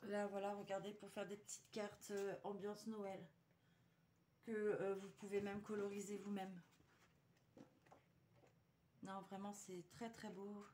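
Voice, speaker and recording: A woman chats to her viewers about a paper haul, hesitating often with fillers and restarts. Her voice sits mid-pitched. A faint hiss runs under the recording. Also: level tone, measured pace, long pauses, warm tone. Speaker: vlogger showing a paper haul. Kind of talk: casual chat to viewers.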